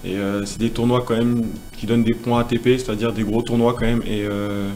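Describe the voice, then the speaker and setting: A man in his twenties who grew up in Senegal, a tennis player answering interview questions in a relaxed, casual way. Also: mid-range voice, brisk, slight background noise. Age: 20s. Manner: relaxed, casual, many fillers.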